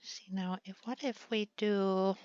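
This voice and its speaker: A woman's voice: medium pitch, fairly even intonation, measured pace, darkish tone, no echo, muffled recording. A woman hosting a gaming channel, chatting through a building session in a playful way and talking to the game pieces as she works.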